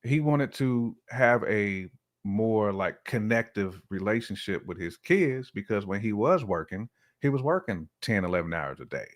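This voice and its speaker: A middle-aged man appears as a podcast guest in a casual conversation about relationships, reflectively explaining his views in everyday colloquial language. His voice is fairly low, with lively intonation and an unhurried pace.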